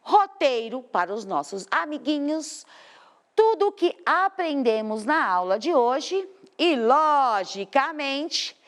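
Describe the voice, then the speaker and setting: A Brazilian woman with a slightly high voice leads a children's lesson from a studio. She talks slowly and with lots of melody, pausing to stretch out the stressed words. Her tone stays patient and explanatory throughout. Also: very animated. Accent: Brazilian Portuguese. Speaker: teacher.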